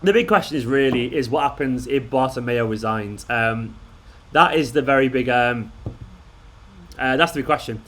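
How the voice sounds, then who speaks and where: A man at a middle pitch, running a casual live stream from home near midnight. He talks in an excitable, jokey way, greeting viewers and firing back at their comments. Underneath the enthusiasm he sounds worn out. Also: moderate pace, a little hiss or hum. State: tired. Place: at home late at night.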